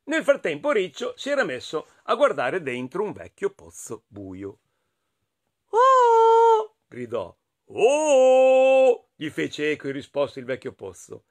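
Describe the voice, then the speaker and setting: Expressive man reading a picture book. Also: mid-range voice, normal speed, hardly any pauses. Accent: Italian. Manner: expressive, playful, talks to listeners. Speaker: storyteller.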